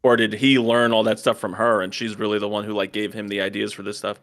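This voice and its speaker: A man's voice: lowish voice, little pitch movement, fast talker, a bit bright, no room sound. A man co-hosting a podcast, joking bluntly and swearing in casual chat. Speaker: podcast co-host.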